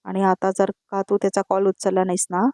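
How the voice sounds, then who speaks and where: A recap narrator voicing a villainous young woman who threatens and bullies, read out quickly with little change of tone. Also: medium pitch, dry recording, studio quality, lightly acted. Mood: menacing. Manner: read out flatly within the recap.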